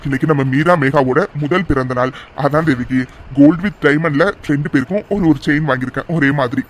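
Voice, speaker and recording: A man as a brisk, fond cartoon father, a bit high-voiced. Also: lightly acted. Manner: fast, fond, coaxing talk. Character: doting, reassuring father, a man. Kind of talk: cartoon dubbing.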